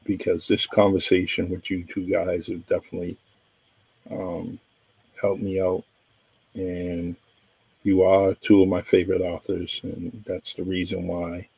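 A man's voice: low-pitched, monotone, measured pace, gravelly, darkish tone, husky, low-quality recording. A man hosting a podcast interview, chatting in a rambling, appreciative way, with a nagging cough. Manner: rambling, appreciative, many fillers. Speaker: podcast host. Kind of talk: casual interview chat.

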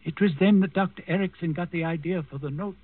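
In a 1940s radio drama, an actor with a high voice plays an old Danish servant who secretly plots with the underground, quietly defiant. He tells his story in the first person, deliberately and in a grimly confiding mood. The recording is muffled, with music and no echo.

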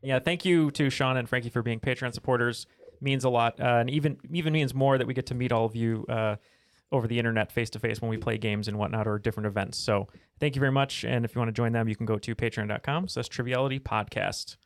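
A man hosting a casual podcast, talking in a relaxed way with frequent fillers. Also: mid-range voice, fast talker. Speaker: podcast host.

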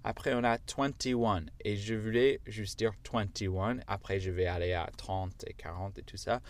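A man's voice: fairly low pitch, steady tone, unhurried. A man whose first language is English, speaking French with an American accent, patiently teaching a language lesson step by step.

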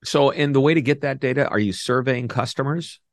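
A man's voice: mid-range voice, fairly quick, no echo, studio quality. A man hosting an interview, chatty and joking with his guest. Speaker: host. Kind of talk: casual interview talk.

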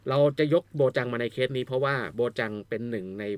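Fast-talking man, close dry mic. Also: mid-range voice, fairly even intonation, no room sound. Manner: explains at length, quick and chatty. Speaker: podcast co-host. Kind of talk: casual chat.

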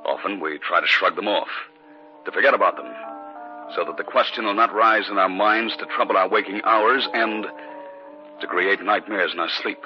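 An actor playing a husband who narrates an eerie tale in an earnest, measured way, heard as an old radio show broadcast. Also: male voice, lowish voice. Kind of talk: 1940s radio drama acting. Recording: muffled old radio recording with music.

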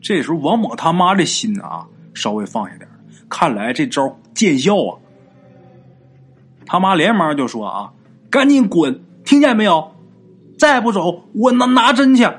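Animated man telling a ghost story. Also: breathy edge. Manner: colloquial, acts out characters' lines with big pitch jumps. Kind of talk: casual spoken ghost story narration.

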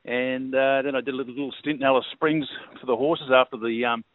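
A man's voice: medium pitch, steady tone, fast, no room sound. A middle-aged Australian man from New South Wales, a race caller telling his story in a laid-back, rambling way with lots of fillers. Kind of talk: casual interview. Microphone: phone. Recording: tinny phone line, dry.

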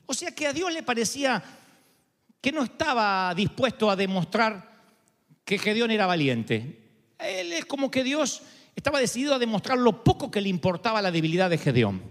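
A man preaches an animated sermon at a moderate pace, acting out each quote as he tells the story. His high voice rises and falls widely in pitch, and it echoes with a long reverb that fills the big hall.

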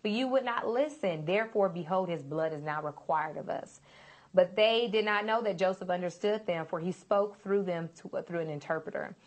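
A woman's voice: on the low side, moderate pace. Earnest woman reading scripture aloud. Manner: earnest, chatty, often says "you guys". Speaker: Bible teacher. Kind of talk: casual sermon with scripture reading.

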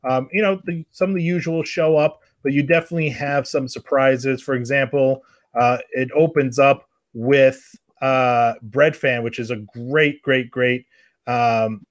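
Male livestream host from New Hampshire, relaxed, dry close sound. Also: medium pitch, unhurried, no room sound. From New Hampshire, USA. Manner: easygoing, hesitant with fillers. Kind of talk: casual chat.

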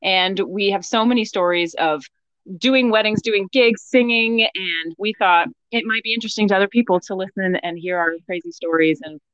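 A giggly American woman co-hosts a casual podcast, telling stories in an easy chat. Her medium-pitched voice sounds muffled and very dry, as if recorded in a small closet. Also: normal speed, a bit bright, no echo. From Maine, USA. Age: adult, mother of young children. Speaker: podcast co-host. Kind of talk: casual chatty storytelling. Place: inside a closet at home.

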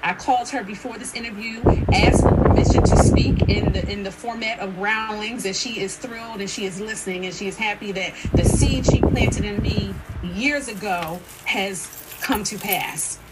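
A woman in her fifties, a radio guest telling a story in an earnest, expressive way. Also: mid-range voice, moderate pace, few pauses. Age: 50s. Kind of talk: call-in radio talk. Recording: loud noisy line.

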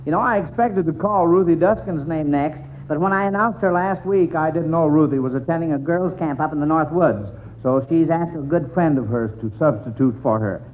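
A man's voice: on the high side, brisk, few pauses, a little mellow. An American man hosting a 1940s radio quiz, reading questions in folksy schoolmaster patter on a tinny, noisy old broadcast. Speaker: quiz show host.

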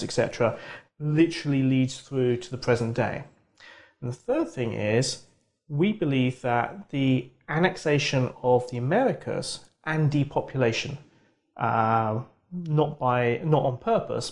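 A middle-aged man, a geography professor, explaining his field in lively lecturing bursts with quick restarts. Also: mid-range voice. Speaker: geography professor, interview guest. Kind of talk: conversational expert explanation.

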